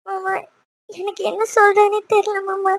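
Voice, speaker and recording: A woman voicing a very high-pitched young cartoon wife. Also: steady tone, quick pace, no room sound. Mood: tearful. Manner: tearful, then coy and teasing. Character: young wife, newly pregnant, emotional and shy. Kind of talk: cartoon voice acting.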